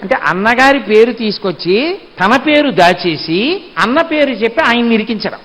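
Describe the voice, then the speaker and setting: A man giving a devotional discourse, retelling a sacred story in an animated way. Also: very high-pitched, normal speed. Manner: animated storytelling, acts out voices. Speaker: spiritual discourse speaker.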